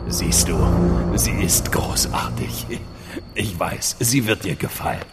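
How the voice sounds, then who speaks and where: A man's voice: lowish voice, slow, long reverb tail, music in the background. An actor playing a wounded, stubborn man who is desperate and protective of his friend, in a dramatic audio play, with strained, weakened breath. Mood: coaxing, concerned.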